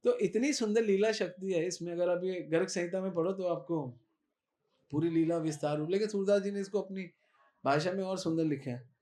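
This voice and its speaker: A man's voice: sits high, a little fast, mellow. A man telling a devotional story, chanting verses and explaining them line by line.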